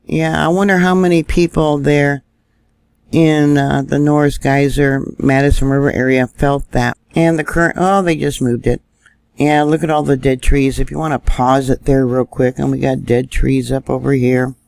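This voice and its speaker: A man's voice: medium pitch, steady tone, normal speed, vocal fry, a little mellow, clear, resonant tone, no room sound. A man talking casually while he shows maps and camera views on screen, thinking aloud with fillers as he goes. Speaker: news vlogger. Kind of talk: casual screen-share commentary.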